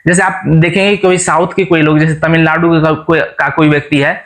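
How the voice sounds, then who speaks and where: A man's voice: on the high side, little pitch movement, brisk, fairly bright tone. A man teaching an exam-prep lesson, who explains each question and then restates it in plain words, often checking back with his viewers.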